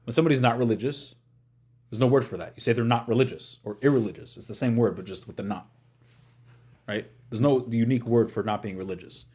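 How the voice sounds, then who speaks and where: A man's voice: medium pitch, fast talker, a little mellow, breathy edge. A man teaching an informal religious class as a rabbi, explaining in a questioning way and often repeating and rephrasing as he goes. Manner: questioning, checks in with listeners using short questions.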